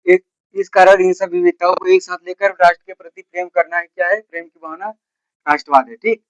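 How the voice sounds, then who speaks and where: A man teaching a school history class. He asks his students questions and answers them himself, and he repeats the key terms slowly. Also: high voice, steady tone, no room sound, dull audio. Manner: repeats key terms slowly, with a filler word after each point. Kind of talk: classroom lecture.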